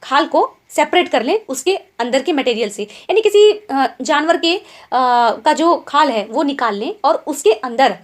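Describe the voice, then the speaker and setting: A woman's voice: high voice, animated, unhurried, hardly any pauses. A young woman teaching an online English vocabulary lesson, explaining in Hindi mixed with English words and checking in with her students after nearly every point. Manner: keeps asking quiz questions and tag checks like "ठीक है?".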